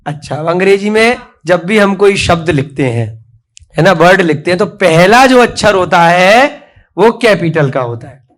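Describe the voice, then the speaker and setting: A man's voice: high-pitched, expressive, normal speed, a bit bright. A male teacher giving a classroom spelling lesson, who spells words letter by letter and has the children repeat after him.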